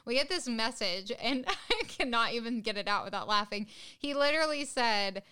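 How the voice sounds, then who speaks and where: A woman, co-hosting a podcast and telling stories in a giggly, animated way. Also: a little high, normal speed, smooth. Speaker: podcast co-host. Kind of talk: casual chat.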